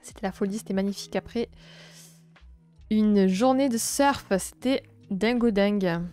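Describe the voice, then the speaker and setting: Soft-spoken southern French woman streaming. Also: mid-range voice, moderate pace, clean tone, soft background music. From south-east France. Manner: gentle, chatty, many fillers and restarts. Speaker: livestream host. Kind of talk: casual live-stream chat, reading chat.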